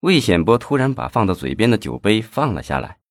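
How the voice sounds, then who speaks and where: A man narrating an audiobook, telling the story steadily with an expressive rise and fall. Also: lowish voice, brisk, dry recording, clean studio sound. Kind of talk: audiobook narration of a crime novel.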